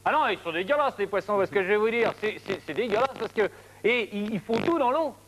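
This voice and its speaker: A man's voice: sits high, expressive, fairly quick, fairly bright tone. An actor playing a dim, muddled fisherman who rambles in repeated phrases in a TV comedy sketch.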